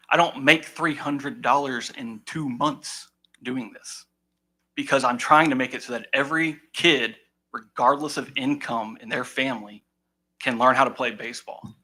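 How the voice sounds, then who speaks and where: A man's voice: medium pitch, sharp tone, low-quality recording. A young man, a volunteer baseball coach, speaking earnestly and with frustration during public comment at a county meeting. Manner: earnest, frustrated, holding back emotion.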